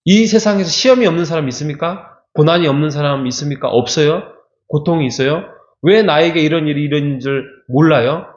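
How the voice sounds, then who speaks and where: A man's voice: a little high, a little fast. Man preaching in a roomy church. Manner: conversational, acts out quoted complaints. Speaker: pastor. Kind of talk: sermon. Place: church sanctuary. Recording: roomy, slightly dull church recording.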